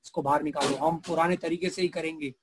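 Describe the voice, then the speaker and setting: A man's voice: fairly high pitch, steady tone, fairly quick, husky, pitched below the performer's own voice. A man voicing stubborn male religious traditionalists refusing any change. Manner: forbidding, emphatic refusals.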